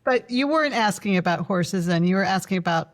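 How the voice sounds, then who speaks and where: A woman guest, a coach and co-founder, who talks quickly and playfully and sometimes finishes her partner's sentences. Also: mid-range voice, expressive. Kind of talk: casual conversation.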